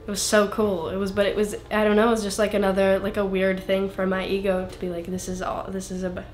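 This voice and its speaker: A woman's voice: mid-range voice, monotone, fast talker, a little mellow, echoey room, a little hiss or hum. A young woman in her twenties, a singer being interviewed, talking in a rambling, self-interrupting way with lots of fillers. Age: 20s. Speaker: singer-songwriter guest. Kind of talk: casual interview.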